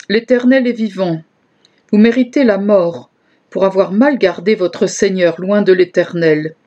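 Woman reading as an earnest young man pleading with a king, solemn and steady, storybook. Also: mid-range voice, lo-fi sound. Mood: reproachful. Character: David, young male fugitive leader, earnest.

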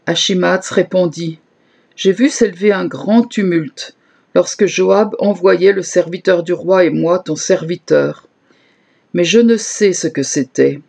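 A reader giving a slow, measured scripture reading, lifting the voice a little for quoted speech. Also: mid-range voice, creaky, darkish tone, husky.

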